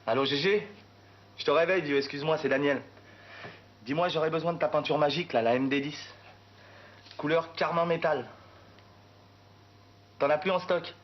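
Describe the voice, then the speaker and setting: An actor playing a cocky, teasing driver in film dialogue. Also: male voice, a little high, normal speed, long pauses, lightly acted. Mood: confident. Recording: dull film soundtrack with noise.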